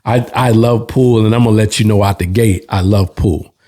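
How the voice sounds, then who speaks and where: A man's voice: fairly low pitch, normal speed. Laid-back man spinning a bar story. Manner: relaxed, slangy, with restarts and asides. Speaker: host. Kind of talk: casual storytelling.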